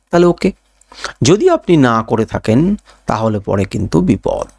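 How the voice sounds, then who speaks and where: A man's voice: on the high side, creaky, darkish tone. A man teaching trading, who poses rhetorical questions and answers them himself, repeating key points with a Bengali accent. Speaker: trading educator. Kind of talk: spoken tutorial.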